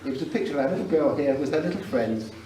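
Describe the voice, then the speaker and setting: A man's voice: a little high, animated, racing, mellow. A middle-aged man with an English accent, giving a humorous wedding speech as father of the bride. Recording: roomy, noisy event recording from far off.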